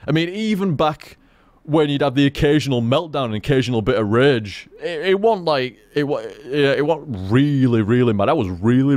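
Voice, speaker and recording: A man's voice: medium pitch, darkish tone, dry recording. Profane rambling male game commentator. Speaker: gaming commentator. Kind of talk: casual gameplay commentary ramble.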